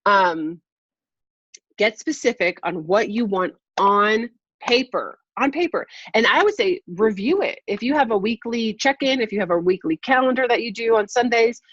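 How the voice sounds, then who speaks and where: A woman's voice: medium pitch, slightly rough, dry recording. A woman life coach leading a group coaching call over a video call, upbeat, encouraging and motivational. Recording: slightly muffled lo-fi call audio.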